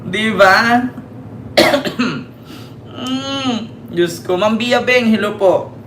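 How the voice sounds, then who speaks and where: A man's voice: high voice, very slow, fairly bright tone, a little hiss or hum. Taunting Filipino political vlogger, man. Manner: taunting, keeps asking "di ba?", swears. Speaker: political vlogger and livestream host. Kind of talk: mocking political commentary.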